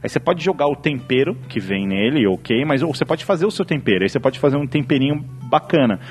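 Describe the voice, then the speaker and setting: A man's voice: medium pitch, lively intonation, quick pace, faint music behind. A man with a Brazilian Portuguese accent co-hosting a casual podcast chat over drinks, joking and rambling into mock-philosophical questions. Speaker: podcast co-host.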